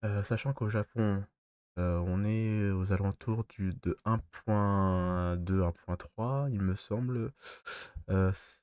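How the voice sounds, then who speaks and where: A man with a low, soft-toned voice gives a news commentary in a dry, close sound. His nose is audibly blocked from being sick and a mask covers his mouth. He moves between read-out passages and loose, hesitant opinion. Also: steady tone, clear, resonant tone, no room sound. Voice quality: congested, stuffy nose. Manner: hesitant, halting when off script. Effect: speaking through a face mask. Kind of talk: reading news articles with casual personal commentary.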